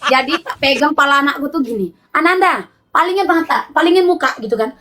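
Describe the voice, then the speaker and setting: Animated high-voiced woman. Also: fast talker, noisy background. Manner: animated, emotional retelling, often laughing. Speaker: livestream host. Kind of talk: casual live storytelling to viewers.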